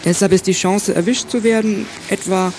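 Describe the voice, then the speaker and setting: A man's voice: high-pitched, fairly even intonation, moderate pace. A man delivering satirical scripted narration as a show narrator, dry and ironic, with background noise.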